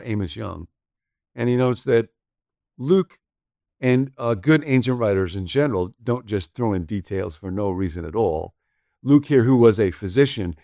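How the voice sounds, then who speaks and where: A man's voice: medium pitch, vocal fry, a little mellow, dry recording, clean studio sound. A man teaching a sermon-style video lesson, conversational and explanatory, reading scripture with casual asides. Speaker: pastor.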